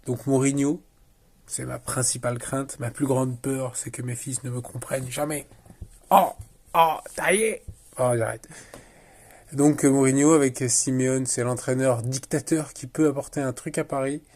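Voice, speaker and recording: A man's voice: medium pitch, little pitch movement, moderate pace, mellow. A man giving casual football commentary in a rambling, sarcastic way, often breaking off his own sentences. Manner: rambling, sarcastic, self-interrupting. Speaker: football vlogger.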